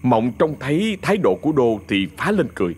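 A man narrating an audio ghost story in an expressive, dramatic storytelling manner. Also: mid-range voice, brisk, slightly rough.

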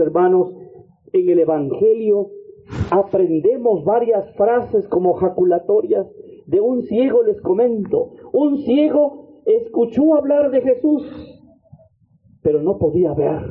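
A man preaching a fervent sermon as a missionary, leading the congregation in repeated prayer invocations. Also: breathy edge. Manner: fervent preaching, repeated invocations, swings between low and high pitch. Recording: tinny phone-like audio.

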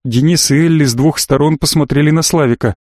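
A man narrating an audiobook in an even, measured reading voice. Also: a little high, dry recording, clean studio sound. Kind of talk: scripted narration.

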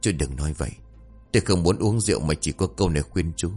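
A man's voice: deep voice, animated, quick pace, a little mellow, slightly rough, faint music behind, pitched below the performer's own voice, heavily acted. A man voicing a cautious middle-aged village relative who gives earnest, hesitant advice.

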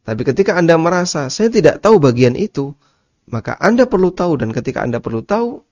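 A man giving a religious study lecture, explaining slowly, repeating key terms and asking listeners rhetorical questions. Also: medium pitch, a little mellow. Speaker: Islamic teacher. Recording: dull lo-fi lecture recording.

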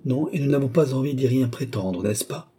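A man reading an audiobook, voicing a stern and ceremonious young nobleman in a solemn, measured way. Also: medium pitch, warm tone, breathy edge, pitched above the performer's own voice, lightly acted. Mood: grave.

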